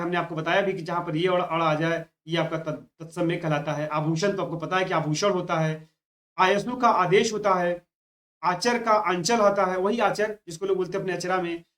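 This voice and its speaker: A man's voice: sits high, fairly bright tone. A man teaching an online exam-prep lesson, often repeating key words and telling students to note them down. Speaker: Hindi exam tutor.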